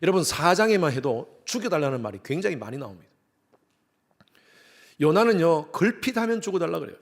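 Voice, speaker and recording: A man's voice: fairly high pitch, sing-song, brisk, creaky. A middle-aged man from Korea, a pastor preaching a sermon in a church and acting out quoted voices with animation. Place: church sanctuary.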